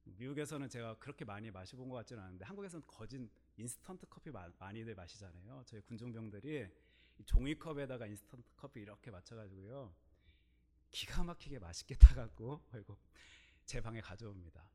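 A middle-aged male pastor preaching a sermon, telling a personal story and swinging between quiet asides and loud, emphatic bursts. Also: on the low side, lively intonation, a little fast.

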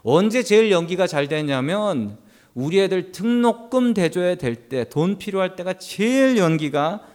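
Man, pastor, sermon, fairly high voice, very lively intonation, humorous storytelling. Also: moderate pace. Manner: animated storytelling with humorous asides to the congregation.

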